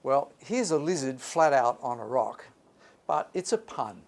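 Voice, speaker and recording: A man giving an animated English lesson, speaking emphatically and theatrically in short, repeated phrases. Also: medium pitch, a little slow. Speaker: English language teacher presenting. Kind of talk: animated lecture presentation.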